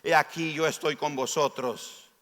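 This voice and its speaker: Nicaraguan male pastor, high bright voice, fervent sermon, long church-hall reverb. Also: steady tone, measured pace. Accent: Nicaraguan Spanish. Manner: fervent, rising to near shouts on key phrases. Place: church sanctuary.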